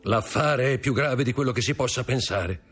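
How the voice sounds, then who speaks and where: A man voicing an earnest, kindly male shipowner in a raised pitch, as in an audiobook. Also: moderate pace, fairly bright tone, slightly rough, faint music behind. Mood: grave. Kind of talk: audiobook character voice.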